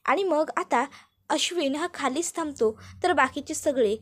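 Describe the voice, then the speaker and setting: A woman narrating an episode recap in a steady, retelling manner. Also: high-pitched, unhurried. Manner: steady retelling with linking phrases. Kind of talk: story-style episode recap.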